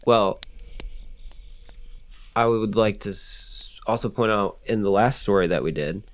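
A man's voice: on the low side, a little slow. A man co-hosting a casual podcast, reasoning aloud and speculating in a conversational way. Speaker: podcast co-host. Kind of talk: casual chat.

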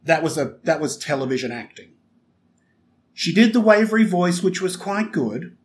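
A man co-hosting a podcast who is opinionated and emphatic in casual chat, often telling stories with quick asides. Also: on the high side, animated. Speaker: podcast co-host.

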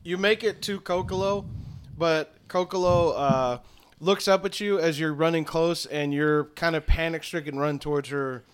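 A man running a tabletop game as game master, narrating in a halting way with many fillers. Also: on the high side, fairly even intonation, slight background noise.

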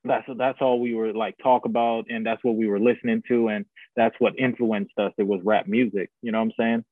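A man's voice: lowish voice, level tone, a little fast, dry recording. A man from Guyana co-hosting a podcast, chatting casually with a laid-back, agreeable manner and plenty of slang. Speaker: podcast co-host. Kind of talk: casual chat. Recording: dry, phone-like lo-fi sound.

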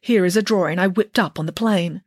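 A woman's voice: lowish voice, a little fast, husky, dry recording, studio quality. A woman voicing a bossy, shrewd, cake-loving nanny who talks in a grand, boastful way.

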